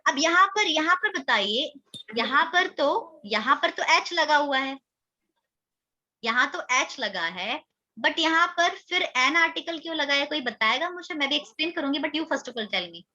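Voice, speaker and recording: A woman's voice: sits high, expressive, measured pace, pushed and bright, muffled recording. A woman teaching an English grammar lesson, questioning her students and repeating their answers.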